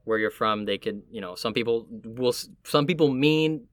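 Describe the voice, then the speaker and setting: Speaking in a mid-range voice on a dry recording, this man from Miami, whose family is Puerto Rican, reflects casually and frequently pauses to find the right word.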